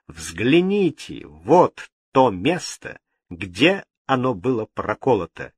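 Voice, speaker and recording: A man as a calm, bold nobleman. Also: mid-range voice, slow, husky, no room sound, clean studio sound, exaggerated voice. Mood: firm. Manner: calm, firm. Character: composed, bold male nobleman accuser.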